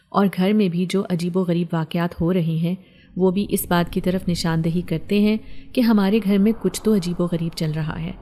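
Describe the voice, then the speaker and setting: A woman's voice: lowish voice, dark tone, slight background noise, lightly acted. A woman voicing a worried, protective middle-aged father who speaks earnestly, read in a storybook style. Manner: earnest, concerned and reasoning. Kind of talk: storybook narration.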